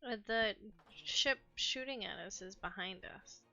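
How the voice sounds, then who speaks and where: A woman's voice: medium pitch, a little slow, pushed and bright, dull audio, soft background music. A woman playing a tabletop game, casually asking questions in an unsure, searching way. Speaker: player.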